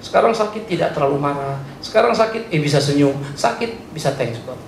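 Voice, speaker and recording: A male pastor preaching a sermon, chatty and joking, swinging from soft asides to loud high exclamations. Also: lively intonation, a little fast, gravelly. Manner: chatty, joking, mixes in English words. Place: church hall. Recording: roomy church hall, faint noise.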